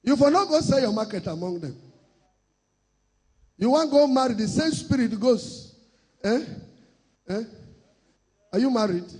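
A man with a Nigerian accent preaching a sermon as pastor, swinging between shouted declarations and soft asides. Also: very high voice, expressive, unhurried, pauses often, slightly rough, in a large hall. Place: church.

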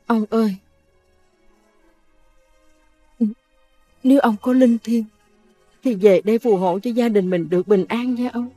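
A woman's voice: on the high side, moderate pace, mellow, soft background music, close to an everyday voice. An actress playing a worried, superstitious older mother with a Southern Vietnamese accent, talking in a fretful, pleading way. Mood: uneasy prayer. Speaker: family matriarch.

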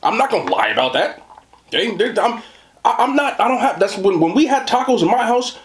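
A man's voice: high voice, big pitch swings, brisk, a little hiss or hum. A young man doing a mukbang eating chat, joking in slang and talking while he chews. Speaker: food reviewer.

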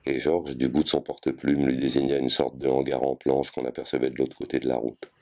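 Very deep, dark male reader. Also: flat delivery, brisk, gravelly. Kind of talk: reading a novel aloud.

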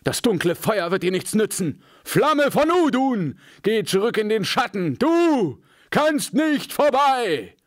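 A man voicing an old male wizard, weary but steadfast, who goes from low murmurs to ringing commands. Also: sing-song, takes it slowly, no echo, clean studio sound, exaggerated voice. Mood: commanding.

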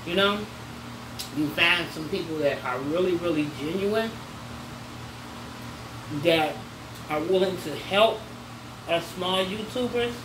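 Woman host chewing food while talking, slow and repetitive delivery; distant mic in a roomy space, air-conditioner hum behind. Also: lowish voice. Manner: slow, repeats phrases for emphasis. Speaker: mukbang YouTuber host. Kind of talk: casual thank-you chat to viewers.

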